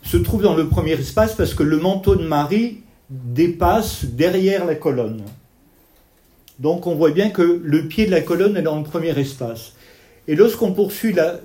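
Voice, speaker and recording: A man's voice: fairly high pitch, dark tone. A man lecturing on art history at an evening talk, explaining paintings step by step while pointing out details and talking with his hands. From Italian family background.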